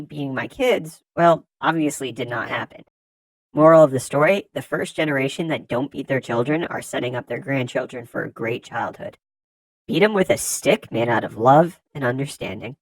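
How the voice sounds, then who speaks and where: A narrator reading forum posts aloud in scripted narration, with lively swings in pitch and loudness. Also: dry recording, low-quality recording.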